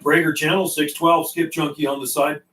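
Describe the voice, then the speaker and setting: A noisy background accompanies this Canadian CB operator, whose slightly high voice shows little pitch movement at a normal pace. He's friendly and informal in his live radio chat and call-outs, restating call signs and channel numbers.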